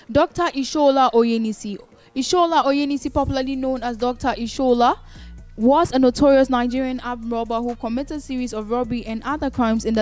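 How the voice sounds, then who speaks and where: A woman giving a steady scripted documentary narration, read aloud in an even delivery. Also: on the high side. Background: background music.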